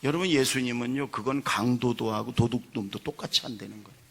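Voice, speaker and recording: A male pastor preaching a sermon in church, telling stories with acted-out quotes and building to loud emphasis. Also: medium pitch, a little fast, creaky, breathy edge. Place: church sanctuary.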